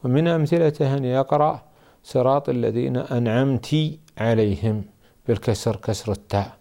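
Male religious scholar, gravelly and dark in tone, measured explanatory delivery. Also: mid-range voice, steady tone. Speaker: Islamic scholar. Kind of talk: religious Q&A answers.

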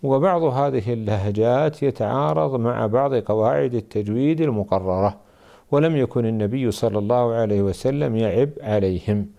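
Male religious scholar, gravelly and dark in tone, measured explanatory delivery. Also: lowish voice. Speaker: Islamic scholar. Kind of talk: religious Q&A answers.

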